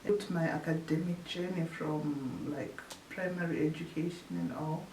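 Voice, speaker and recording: A mellow, low-pitched woman from Zimbabwe, a researcher, tells her story in a casual interview with fairly even intonation. She speaks haltingly and often restarts phrases. The distant mic picks up an echoey room and faint hiss.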